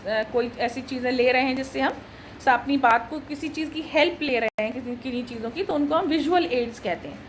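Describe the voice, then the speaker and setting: A female lecturer with an Indian accent and a high, light voice, working through her points one by one. She moves back and forth between Hindi and English and often asks "right?" to check her listeners follow. A faint hiss of noise sits under the recording. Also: rough recording.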